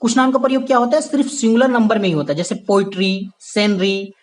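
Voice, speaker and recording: A man's voice: high voice, steady tone, quick pace. Male tutor, patient lesson delivery, repeats himself for emphasis. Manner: repeats key points, checks in with "ठीक है"; addresses viewers as "my dear friend". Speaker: English grammar teacher. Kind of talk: classroom grammar lesson.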